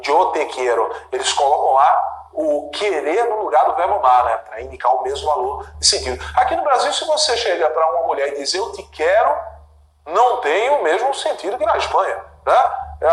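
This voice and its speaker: Lively Brazilian grammar teacher. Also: male voice, fairly high pitch, reverberant, poor audio. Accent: Brazilian Portuguese. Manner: lively, talks to viewers and repeats key terms. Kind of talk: recorded video lesson.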